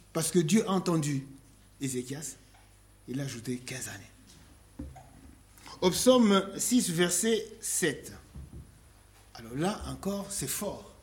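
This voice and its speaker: A man preaching a sermon, posing rhetorical questions with dramatic pauses and reading scripture aloud in a slowed, solemn cadence. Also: sits high, darkish tone.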